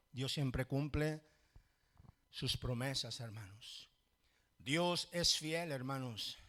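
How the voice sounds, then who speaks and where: A male pastor preaching a sermon in a church, repeating "hermanos" constantly and swinging from low murmurs to loud shouts.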